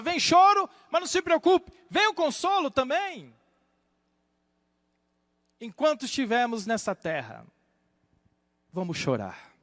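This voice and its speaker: Pastor guy preaching, really high pitched, goes quiet and low then loud, dry recording. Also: dry recording, in a large hall. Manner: swings between hushed, low asides and loud, rising exclamations. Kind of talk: sermon.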